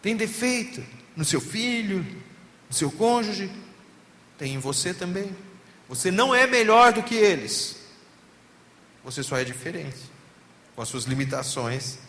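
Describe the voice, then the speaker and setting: Speaking with a Brazilian Portuguese accent, this male pastor delivers a sermon in a church hall during a family seminar. His voice sits on the high side, and he tells animated stories, lifting and dropping his tone for emphasis, while the reverberant room carries faint background noise.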